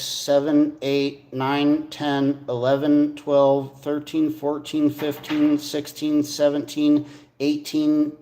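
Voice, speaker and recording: A man's voice: a little high, dark tone. A man in a casual livestream debate, talking informally and argumentatively, his voice echoing as if in a tunnel. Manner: informal, swearing, rambling argumentative talk. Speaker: streamer. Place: echoey indoor space. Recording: echoing room.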